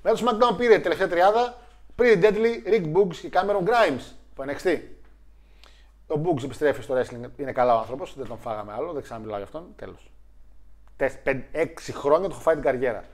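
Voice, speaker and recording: A young man with a somewhat high voice co-hosts a casual chat. He talks in an animated, joking way and often slips into mimicking others. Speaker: co-host.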